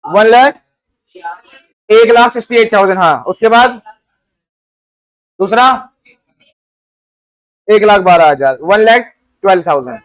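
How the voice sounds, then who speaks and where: A man's voice: high voice, animated, takes it slowly, long pauses, fairly bright tone. A man teaching an accounting lesson to a class, coaxing answers out of his students and slipping English terms and figures into his talk. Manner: coaxing, asks students questions and answers them.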